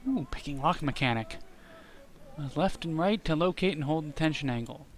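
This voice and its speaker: A man's voice: fairly high pitch, animated, moderate pace. A man hosting a let's play who gives casual, joking commentary on the game. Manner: joking, offhand. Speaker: gaming host.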